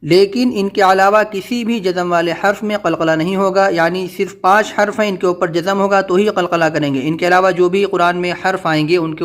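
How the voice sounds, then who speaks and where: A man's voice: sits high, a bit bright. A man teaching Quran reading with tajweed, spelling out letters and syllables and drilling them patiently. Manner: slow drawn-out recitation of syllables.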